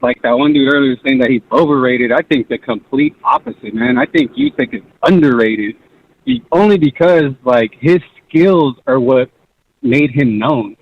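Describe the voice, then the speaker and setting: A man's voice: medium pitch, lively intonation, normal speed, creaky. Muffled male caller, as if through a wall. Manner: loose and rambling, full of "like" and "man". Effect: muffled phone voice, as if heard through a wall. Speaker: caller to a live show. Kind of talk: casual call-in chat. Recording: dull muffled phone line.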